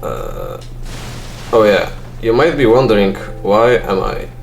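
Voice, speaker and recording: Low and creaky, this young gamer's voice swings hugely in pitch while he speaks slowly over soft background music. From Poland and speaking English as a non-native with a Polish accent, he thinks aloud with fillers and mocks himself dryly as he plays.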